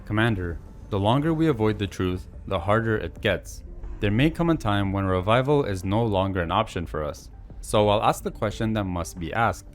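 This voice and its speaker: Casting: solemn game advisor, low voice, formal and reflective, faint music behind. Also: male voice. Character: grave man, loyal, reflective advisor. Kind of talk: scripted video game voice message.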